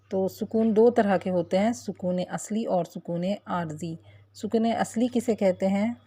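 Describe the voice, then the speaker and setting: Slow, patient woman teaching recitation. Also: mid-range voice, dark tone, dry recording. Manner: slow, patient explaining with drawn-out example syllables. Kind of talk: tajweed lesson.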